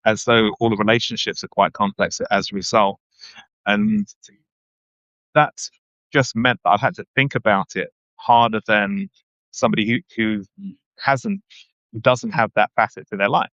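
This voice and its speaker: A man, a guest speaking thoughtfully in a casual interview, often pausing and restarting. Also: fairly low pitch, a bit bright, no room sound. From London, England. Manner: reflective, hesitant with many restarts and ums. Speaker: guest, running writer. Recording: dull, dry lo-fi audio.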